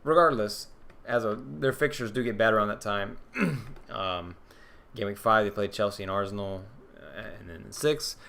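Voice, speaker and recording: A man's voice: on the low side, normal speed, creaky, fairly bright tone. A young man streaming live, casually thinking aloud and answering viewer questions with plenty of ums and restarts. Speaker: fantasy football streamer.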